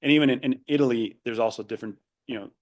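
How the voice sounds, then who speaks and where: Racing along in a mid-range voice, this young man, Spanish-speaking by birth and raised in Argentina, guests on a podcast. The casual interview talk is thoughtful, with plenty of fillers and restarts.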